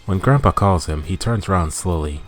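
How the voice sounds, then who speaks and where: A man with a very deep, low voice reads a story game's text aloud in a steady, measured way. Now and then he stumbles and corrects himself, while soft game music plays behind him. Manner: steady, measured reading with small slips. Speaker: gaming channel host.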